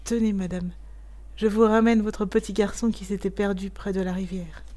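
A woman voicing a big kindly working man who speaks softly and hesitantly. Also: medium pitch, fairly even intonation, a little fast, lightly acted. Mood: gentle. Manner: soft, hesitant.

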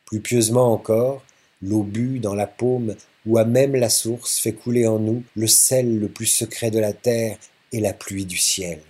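A man giving an expressive, scripted literary narration as an audiobook narrator. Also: on the low side, slightly rough. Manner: expressive reading.

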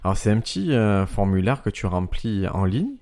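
Man from France, low voice, casual joking podcast banter, practical tips. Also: big pitch swings, moderate pace, warm tone. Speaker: podcast co-host.

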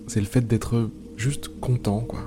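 A man hosting an improvised guided meditation, pausing often, repeating phrases and slipping into informal asides. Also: mid-range voice, steady tone. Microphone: speaking into a microphone. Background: music.

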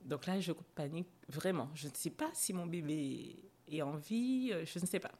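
A young woman with a fairly low, mellow, expressive voice tells a podcast interviewer about something she went through. Her account is candid and emotional, full of hesitations, fillers and restarted phrases.

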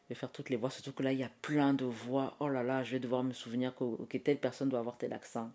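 A woman's voice: rumbling low, flat delivery, fast, warm tone. A woman from France hosting a solo podcast, talking to herself at home at night in a chatty, self-mocking ramble full of restarts and fillers, recorded on a portable recorder. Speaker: podcast host. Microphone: portable audio recorder. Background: faint classical music.

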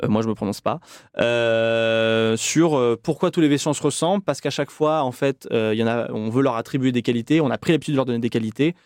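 A man's voice: mid-range voice, fast talker, a little mellow, dry recording, clean studio sound. A man hosting a casual talk show, with a hesitant delivery full of restarts. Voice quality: hesitant, many fillers and restarts. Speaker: podcast host. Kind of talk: casual chat.

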